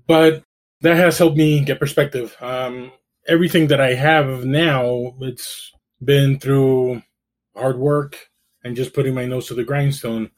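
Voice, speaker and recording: Speaking at a medium pitch and a measured pace, a middle-aged man from El Salvador recounts his life as a realtor on an interview. He stays relaxed, poking fun at himself with a dry wit.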